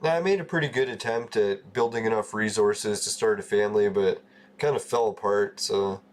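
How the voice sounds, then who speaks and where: On a gaming livestream, a Canadian man in his forties speaks at normal speed in a fairly low voice. His chat is loose and rambling, peppered with swearing and laughter at his own tales.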